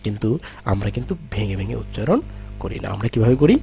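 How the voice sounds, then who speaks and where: A man's voice: lowish voice, big pitch swings, a little fast, creaky, mellow, soft background music. A man teaching an exam-prep grammar lesson with a Bangladeshi Bengali accent, asking questions and answering them himself.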